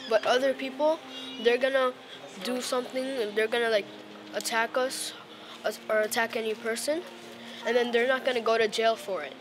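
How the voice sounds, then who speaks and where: A woman's voice: a little high, steady tone, normal speed, background noise. A young woman describing events chattily, peppering her speech with "like". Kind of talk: casual storytelling.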